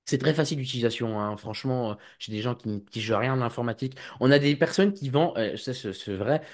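A man chats loosely about his work in computer security. His voice sits at an ordinary middle pitch, and he wanders through restarts and quick mimicked exchanges. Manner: rambling, with restarts and playful acted quotes. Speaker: IT and cybersecurity guest. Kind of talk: casual podcast chat.

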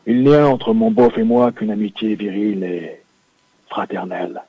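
A man's voice: on the low side, moderate pace, breathy edge, no room sound. A man on a phone line into a radio studio, playing a boastful, suggestive macho biker sidekick from a video game in a comic sketch. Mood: swaggering. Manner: swaggering, suggestive, self-satisfied. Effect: over a phone line into a radio studio. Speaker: caller doing a comedy bit. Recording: dull lo-fi dry phone line.

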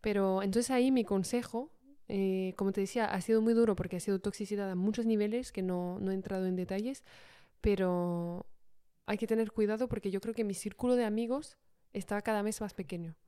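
Mellow-voiced woman telling a story. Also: medium pitch, fairly even intonation, brisk, clean tone. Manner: hesitant, many fillers and restarts. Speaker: podcast co-host. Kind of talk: casual personal storytelling.

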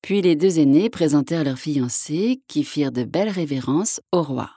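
Low-voiced woman reading a fairy tale. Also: animated, moderate pace, dark tone, husky, no echo, clean studio sound. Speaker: storybook reader. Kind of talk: children's storybook narration.

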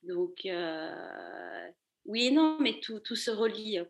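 Speaking slowly, with a medium-pitched voice and lively intonation, a woman in her thirties from Paris rambles casually as an interview guest. She designs fashion accessories and is appearing on a podcast.

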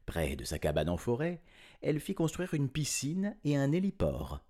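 A man telling a children's story in an animated, playful way, chuckling often. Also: mid-range voice, normal speed.

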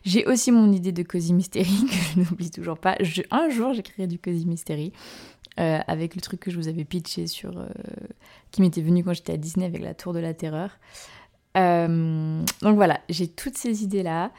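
A woman's voice: lowish voice, fairly quick, warm tone. A woman hosting her own podcast as a novelist, chatting casually and hesitantly with lots of fillers and self-mocking laughs. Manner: hesitant, full of "euh" fillers and restarts. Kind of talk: casual solo podcast chat.

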